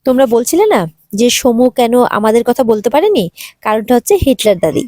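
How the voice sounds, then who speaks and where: A cheeky young bride who fires back mocking retorts without pause, as a woman reads her lines out. The voice sits a little high and sounds dry and close. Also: animated, warm tone, no room sound. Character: bold, sharp-tongued young bride.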